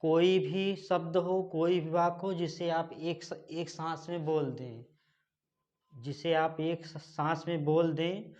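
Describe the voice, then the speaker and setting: A man teaches a class in a slow, deliberate dictating voice, pitched a little high. He spells words out one letter at a time and keeps asking his students to repeat. The recording sounds dull and lo-fi. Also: steady tone, a little mellow. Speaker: English teacher.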